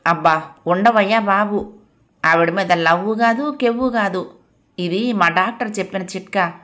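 A woman's voice: mid-range voice, normal speed, a bit bright, natural voice. A woman voicing a forgetful, easily flustered middle-aged office clerk who talks anxiously and pleads.

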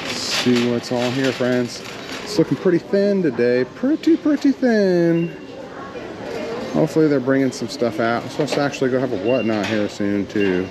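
A man's voice: mid-range voice, fairly quick, background noise. A man narrating his thrift shopping in a casual vlog, rambling and joking as he addresses viewers as friends. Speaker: thrift reseller vlogger.

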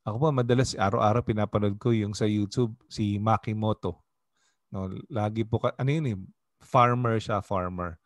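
A man serving as pastor, giving a relaxed devotional talk over a video call, often asking "di ba?" and laughing easily. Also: on the low side, moderate pace, no echo. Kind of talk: casual devotional teaching.

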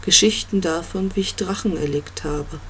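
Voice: mid-range voice, moderate pace, fairly bright tone, a little hiss or hum, close to an everyday voice. A reader voicing an ancient commanding tree monster. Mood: calm, knowing. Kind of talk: audiobook reading.

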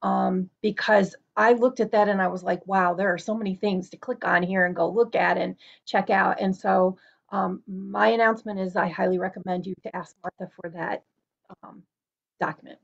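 A woman making a measured recommendation on a video call, with frequent ums. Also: mid-range voice, fairly even intonation, vocal fry. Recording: muffled video call audio.

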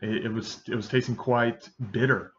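A man in his thirties giving a casual, halting review, talking with a pipe in his mouth. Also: mid-range voice, steady tone. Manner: halting, hesitant delivery. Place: small indoor room with bookshelves. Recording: dull webcam sound with faint noise.

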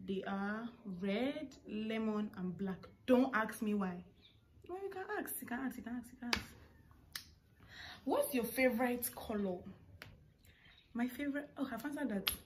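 Speaking at a moderate pace in a slightly high voice, a young Nigerian-accented woman chats to camera for her vlog. She answers questions informally, dropping in casual asides. She's in the living room of a family house, with household noises clearly audible.

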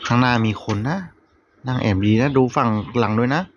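A man's voice: medium pitch, brisk, noisy background. A man giving live gameplay commentary, urgently directing his teammates while keeping a polite tone. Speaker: gaming channel host. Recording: lo-fi with loud game sounds.

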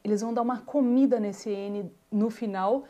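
A woman, teaching a German pronunciation lesson and saying example words slowly and repeating them. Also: mid-range voice, warm tone.

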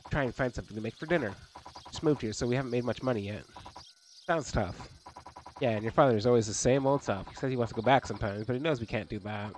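A man reading the lines of a tired, gentle mother in a video game, softly and a little lower than his usual talk. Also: quick pace, a little hiss or hum, lightly acted. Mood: weary. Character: tired, gentle mother of a family that just moved.

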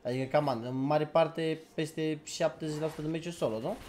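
A man's voice: on the high side, steady tone, darkish tone, slight background noise. A man hosting a casual gaming chat, talking loosely with fillers and laughs. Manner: chatty, laughing, filler-heavy. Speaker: streamer host.

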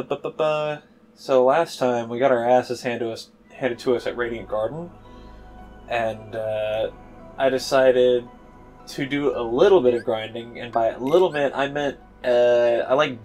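A man talking through his gameplay at an unhurried pace, with an easygoing, offhand delivery. He jokes around and swears casually as he plays. Faint game music runs underneath. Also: medium pitch, darkish tone. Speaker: let's play host.

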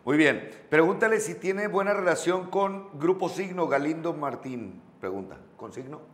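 Lively-pitched male interview host. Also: moderate pace, roomy sound. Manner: relaxed, short interjections, reads viewer questions. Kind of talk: casual interview.

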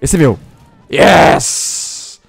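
A young man with a Brazilian accent giving excited gameplay commentary, often breaking into shouts while he chats to his viewers. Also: fairly high pitch, very slow, creaky, slightly rough, no room sound. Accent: Brazilian Portuguese. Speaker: gameplay streamer. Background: faint classical music from the game.

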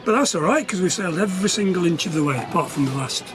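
A man on a sailboat giving relaxed, matter-of-fact updates for his sailing vlog. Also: high-pitched, fast talker. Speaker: sailing vlogger, skipper. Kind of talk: casual chat. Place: on a sailboat at sea, outdoors. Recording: wind and water noise outdoors.

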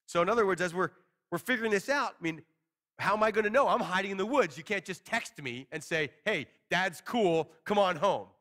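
A man's voice: high voice, brisk. A man in his forties preaching to a small congregation from a church stage, teaching conversationally and paraphrasing scripture in everyday words. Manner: conversational, animated hand gestures, paraphrases scripture casually. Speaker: pastor. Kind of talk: expository sermon.

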